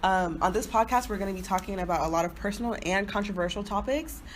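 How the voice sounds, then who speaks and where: She talks fast in a mid-range voice, with slight background noise behind her. In her early twenties and based in Houston, Texas but not born and raised there, she co-hosts a podcast, telling chatty stories loaded with slang and "like."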